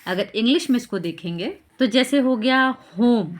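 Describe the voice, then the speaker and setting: A woman's voice: a little high, moderate pace, a little mellow. A woman teaching parents how to explain vowel signs, speaking patiently, repeating examples and checking in with rhetorical questions. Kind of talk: explanatory lesson.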